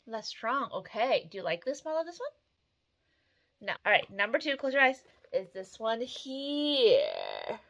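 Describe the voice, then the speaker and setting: A woman's voice: fairly high pitch, normal speed, a little hiss or hum. A woman chats casually and expressively to the camera in a small room at home. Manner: chatty, expressive. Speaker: host of a candle review video, mother.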